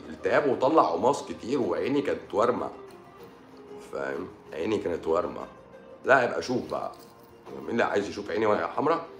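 A man's voice: low-pitched, fairly bright tone, reverberant. An Egyptian man with a sore throat, a doctor hosting a live stream, chatting casually and sarcastically while answering viewers' comments. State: sore throat and swollen eye.

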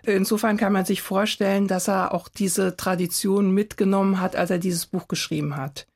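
A woman explains in measured, calm tones as an expert in a radio feature. Her voice sits at medium pitch, and she speaks in an even, explanatory way. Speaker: literary expert.

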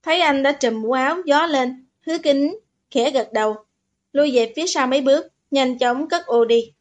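A woman narrating a novel as an audiobook, in steady, even storytelling. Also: high-pitched, moderate pace.

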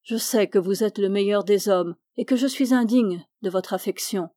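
A woman's voice: medium pitch, moderate pace, dark tone, no room sound, studio quality, natural voice. A woman voicing a despairing young man torn by love in a novel reading.

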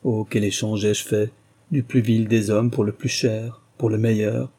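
A man reading an audiobook and voicing a devoted young woman with a soft, heartfelt delivery. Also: fairly low pitch, flat delivery, a little slow, breathy edge. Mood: tender.

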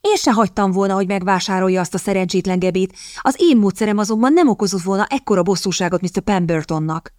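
A woman's voice: medium pitch, hardly any pauses, no echo, clean studio sound, natural voice. A woman reading a fierce, headstrong young lady. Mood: indignant. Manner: sharp, insistent, indignant.

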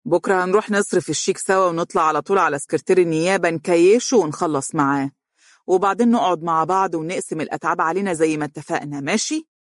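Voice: mid-range voice, quick pace, dry recording, clean studio sound, natural voice. A narrator voicing a sly, sarcastic lawyer in Egyptian Arabic for an audiobook. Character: sleazy, mocking middle-aged man lawyer.

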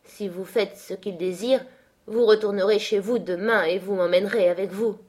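A woman's voice: mid-range voice, fairly even intonation, normal speed, darkish tone, natural voice. A woman doing a sickly, whining young man. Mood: petulant.

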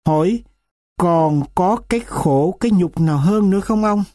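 A worn-down grandmother near seventy pours out her grievances to officials, slow and heavy, in a mellow voice, as a male storyteller puts her on. The sound is dry and close, with no room around it. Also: sits high, dry recording, lightly acted. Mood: aggrieved. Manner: pleading then accusing, slow weighty delivery.

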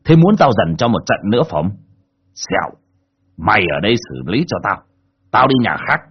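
A man's voice: fairly low pitch, sing-song, normal speed, husky, muffled recording, heavily acted. A man playing a cruel, bullying male village landlord who barks abuse and orders at poor farmers in an audio story. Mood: bullying rage. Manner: barking, abusive, shouting orders.

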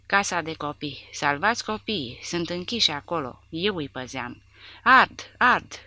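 A woman's voice: deep voice, animated, pushed and bright, no echo. A woman voicing a panicked, half-mad old male guard in an audiobook, repeating the same cry over and over.

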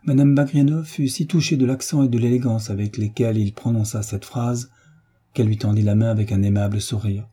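A man reading a novel aloud as an audiobook narrator, gentle and measured, lifting his voice slightly for the characters. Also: lowish voice, steady tone, breathy edge. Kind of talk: scripted narration.

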